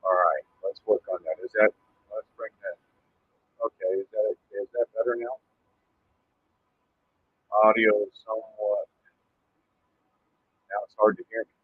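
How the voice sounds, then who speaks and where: A man's voice: on the low side, steady tone, unhurried, long pauses, breathy edge, narrow, tinny audio. A man hosting a livestream whose audio sounds echoey, as if he were in a tunnel. He talks casually to viewers while running audio tests. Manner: testing his audio and addressing viewers directly. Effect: echoey, tunnel-like sound on his audio. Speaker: livestream host.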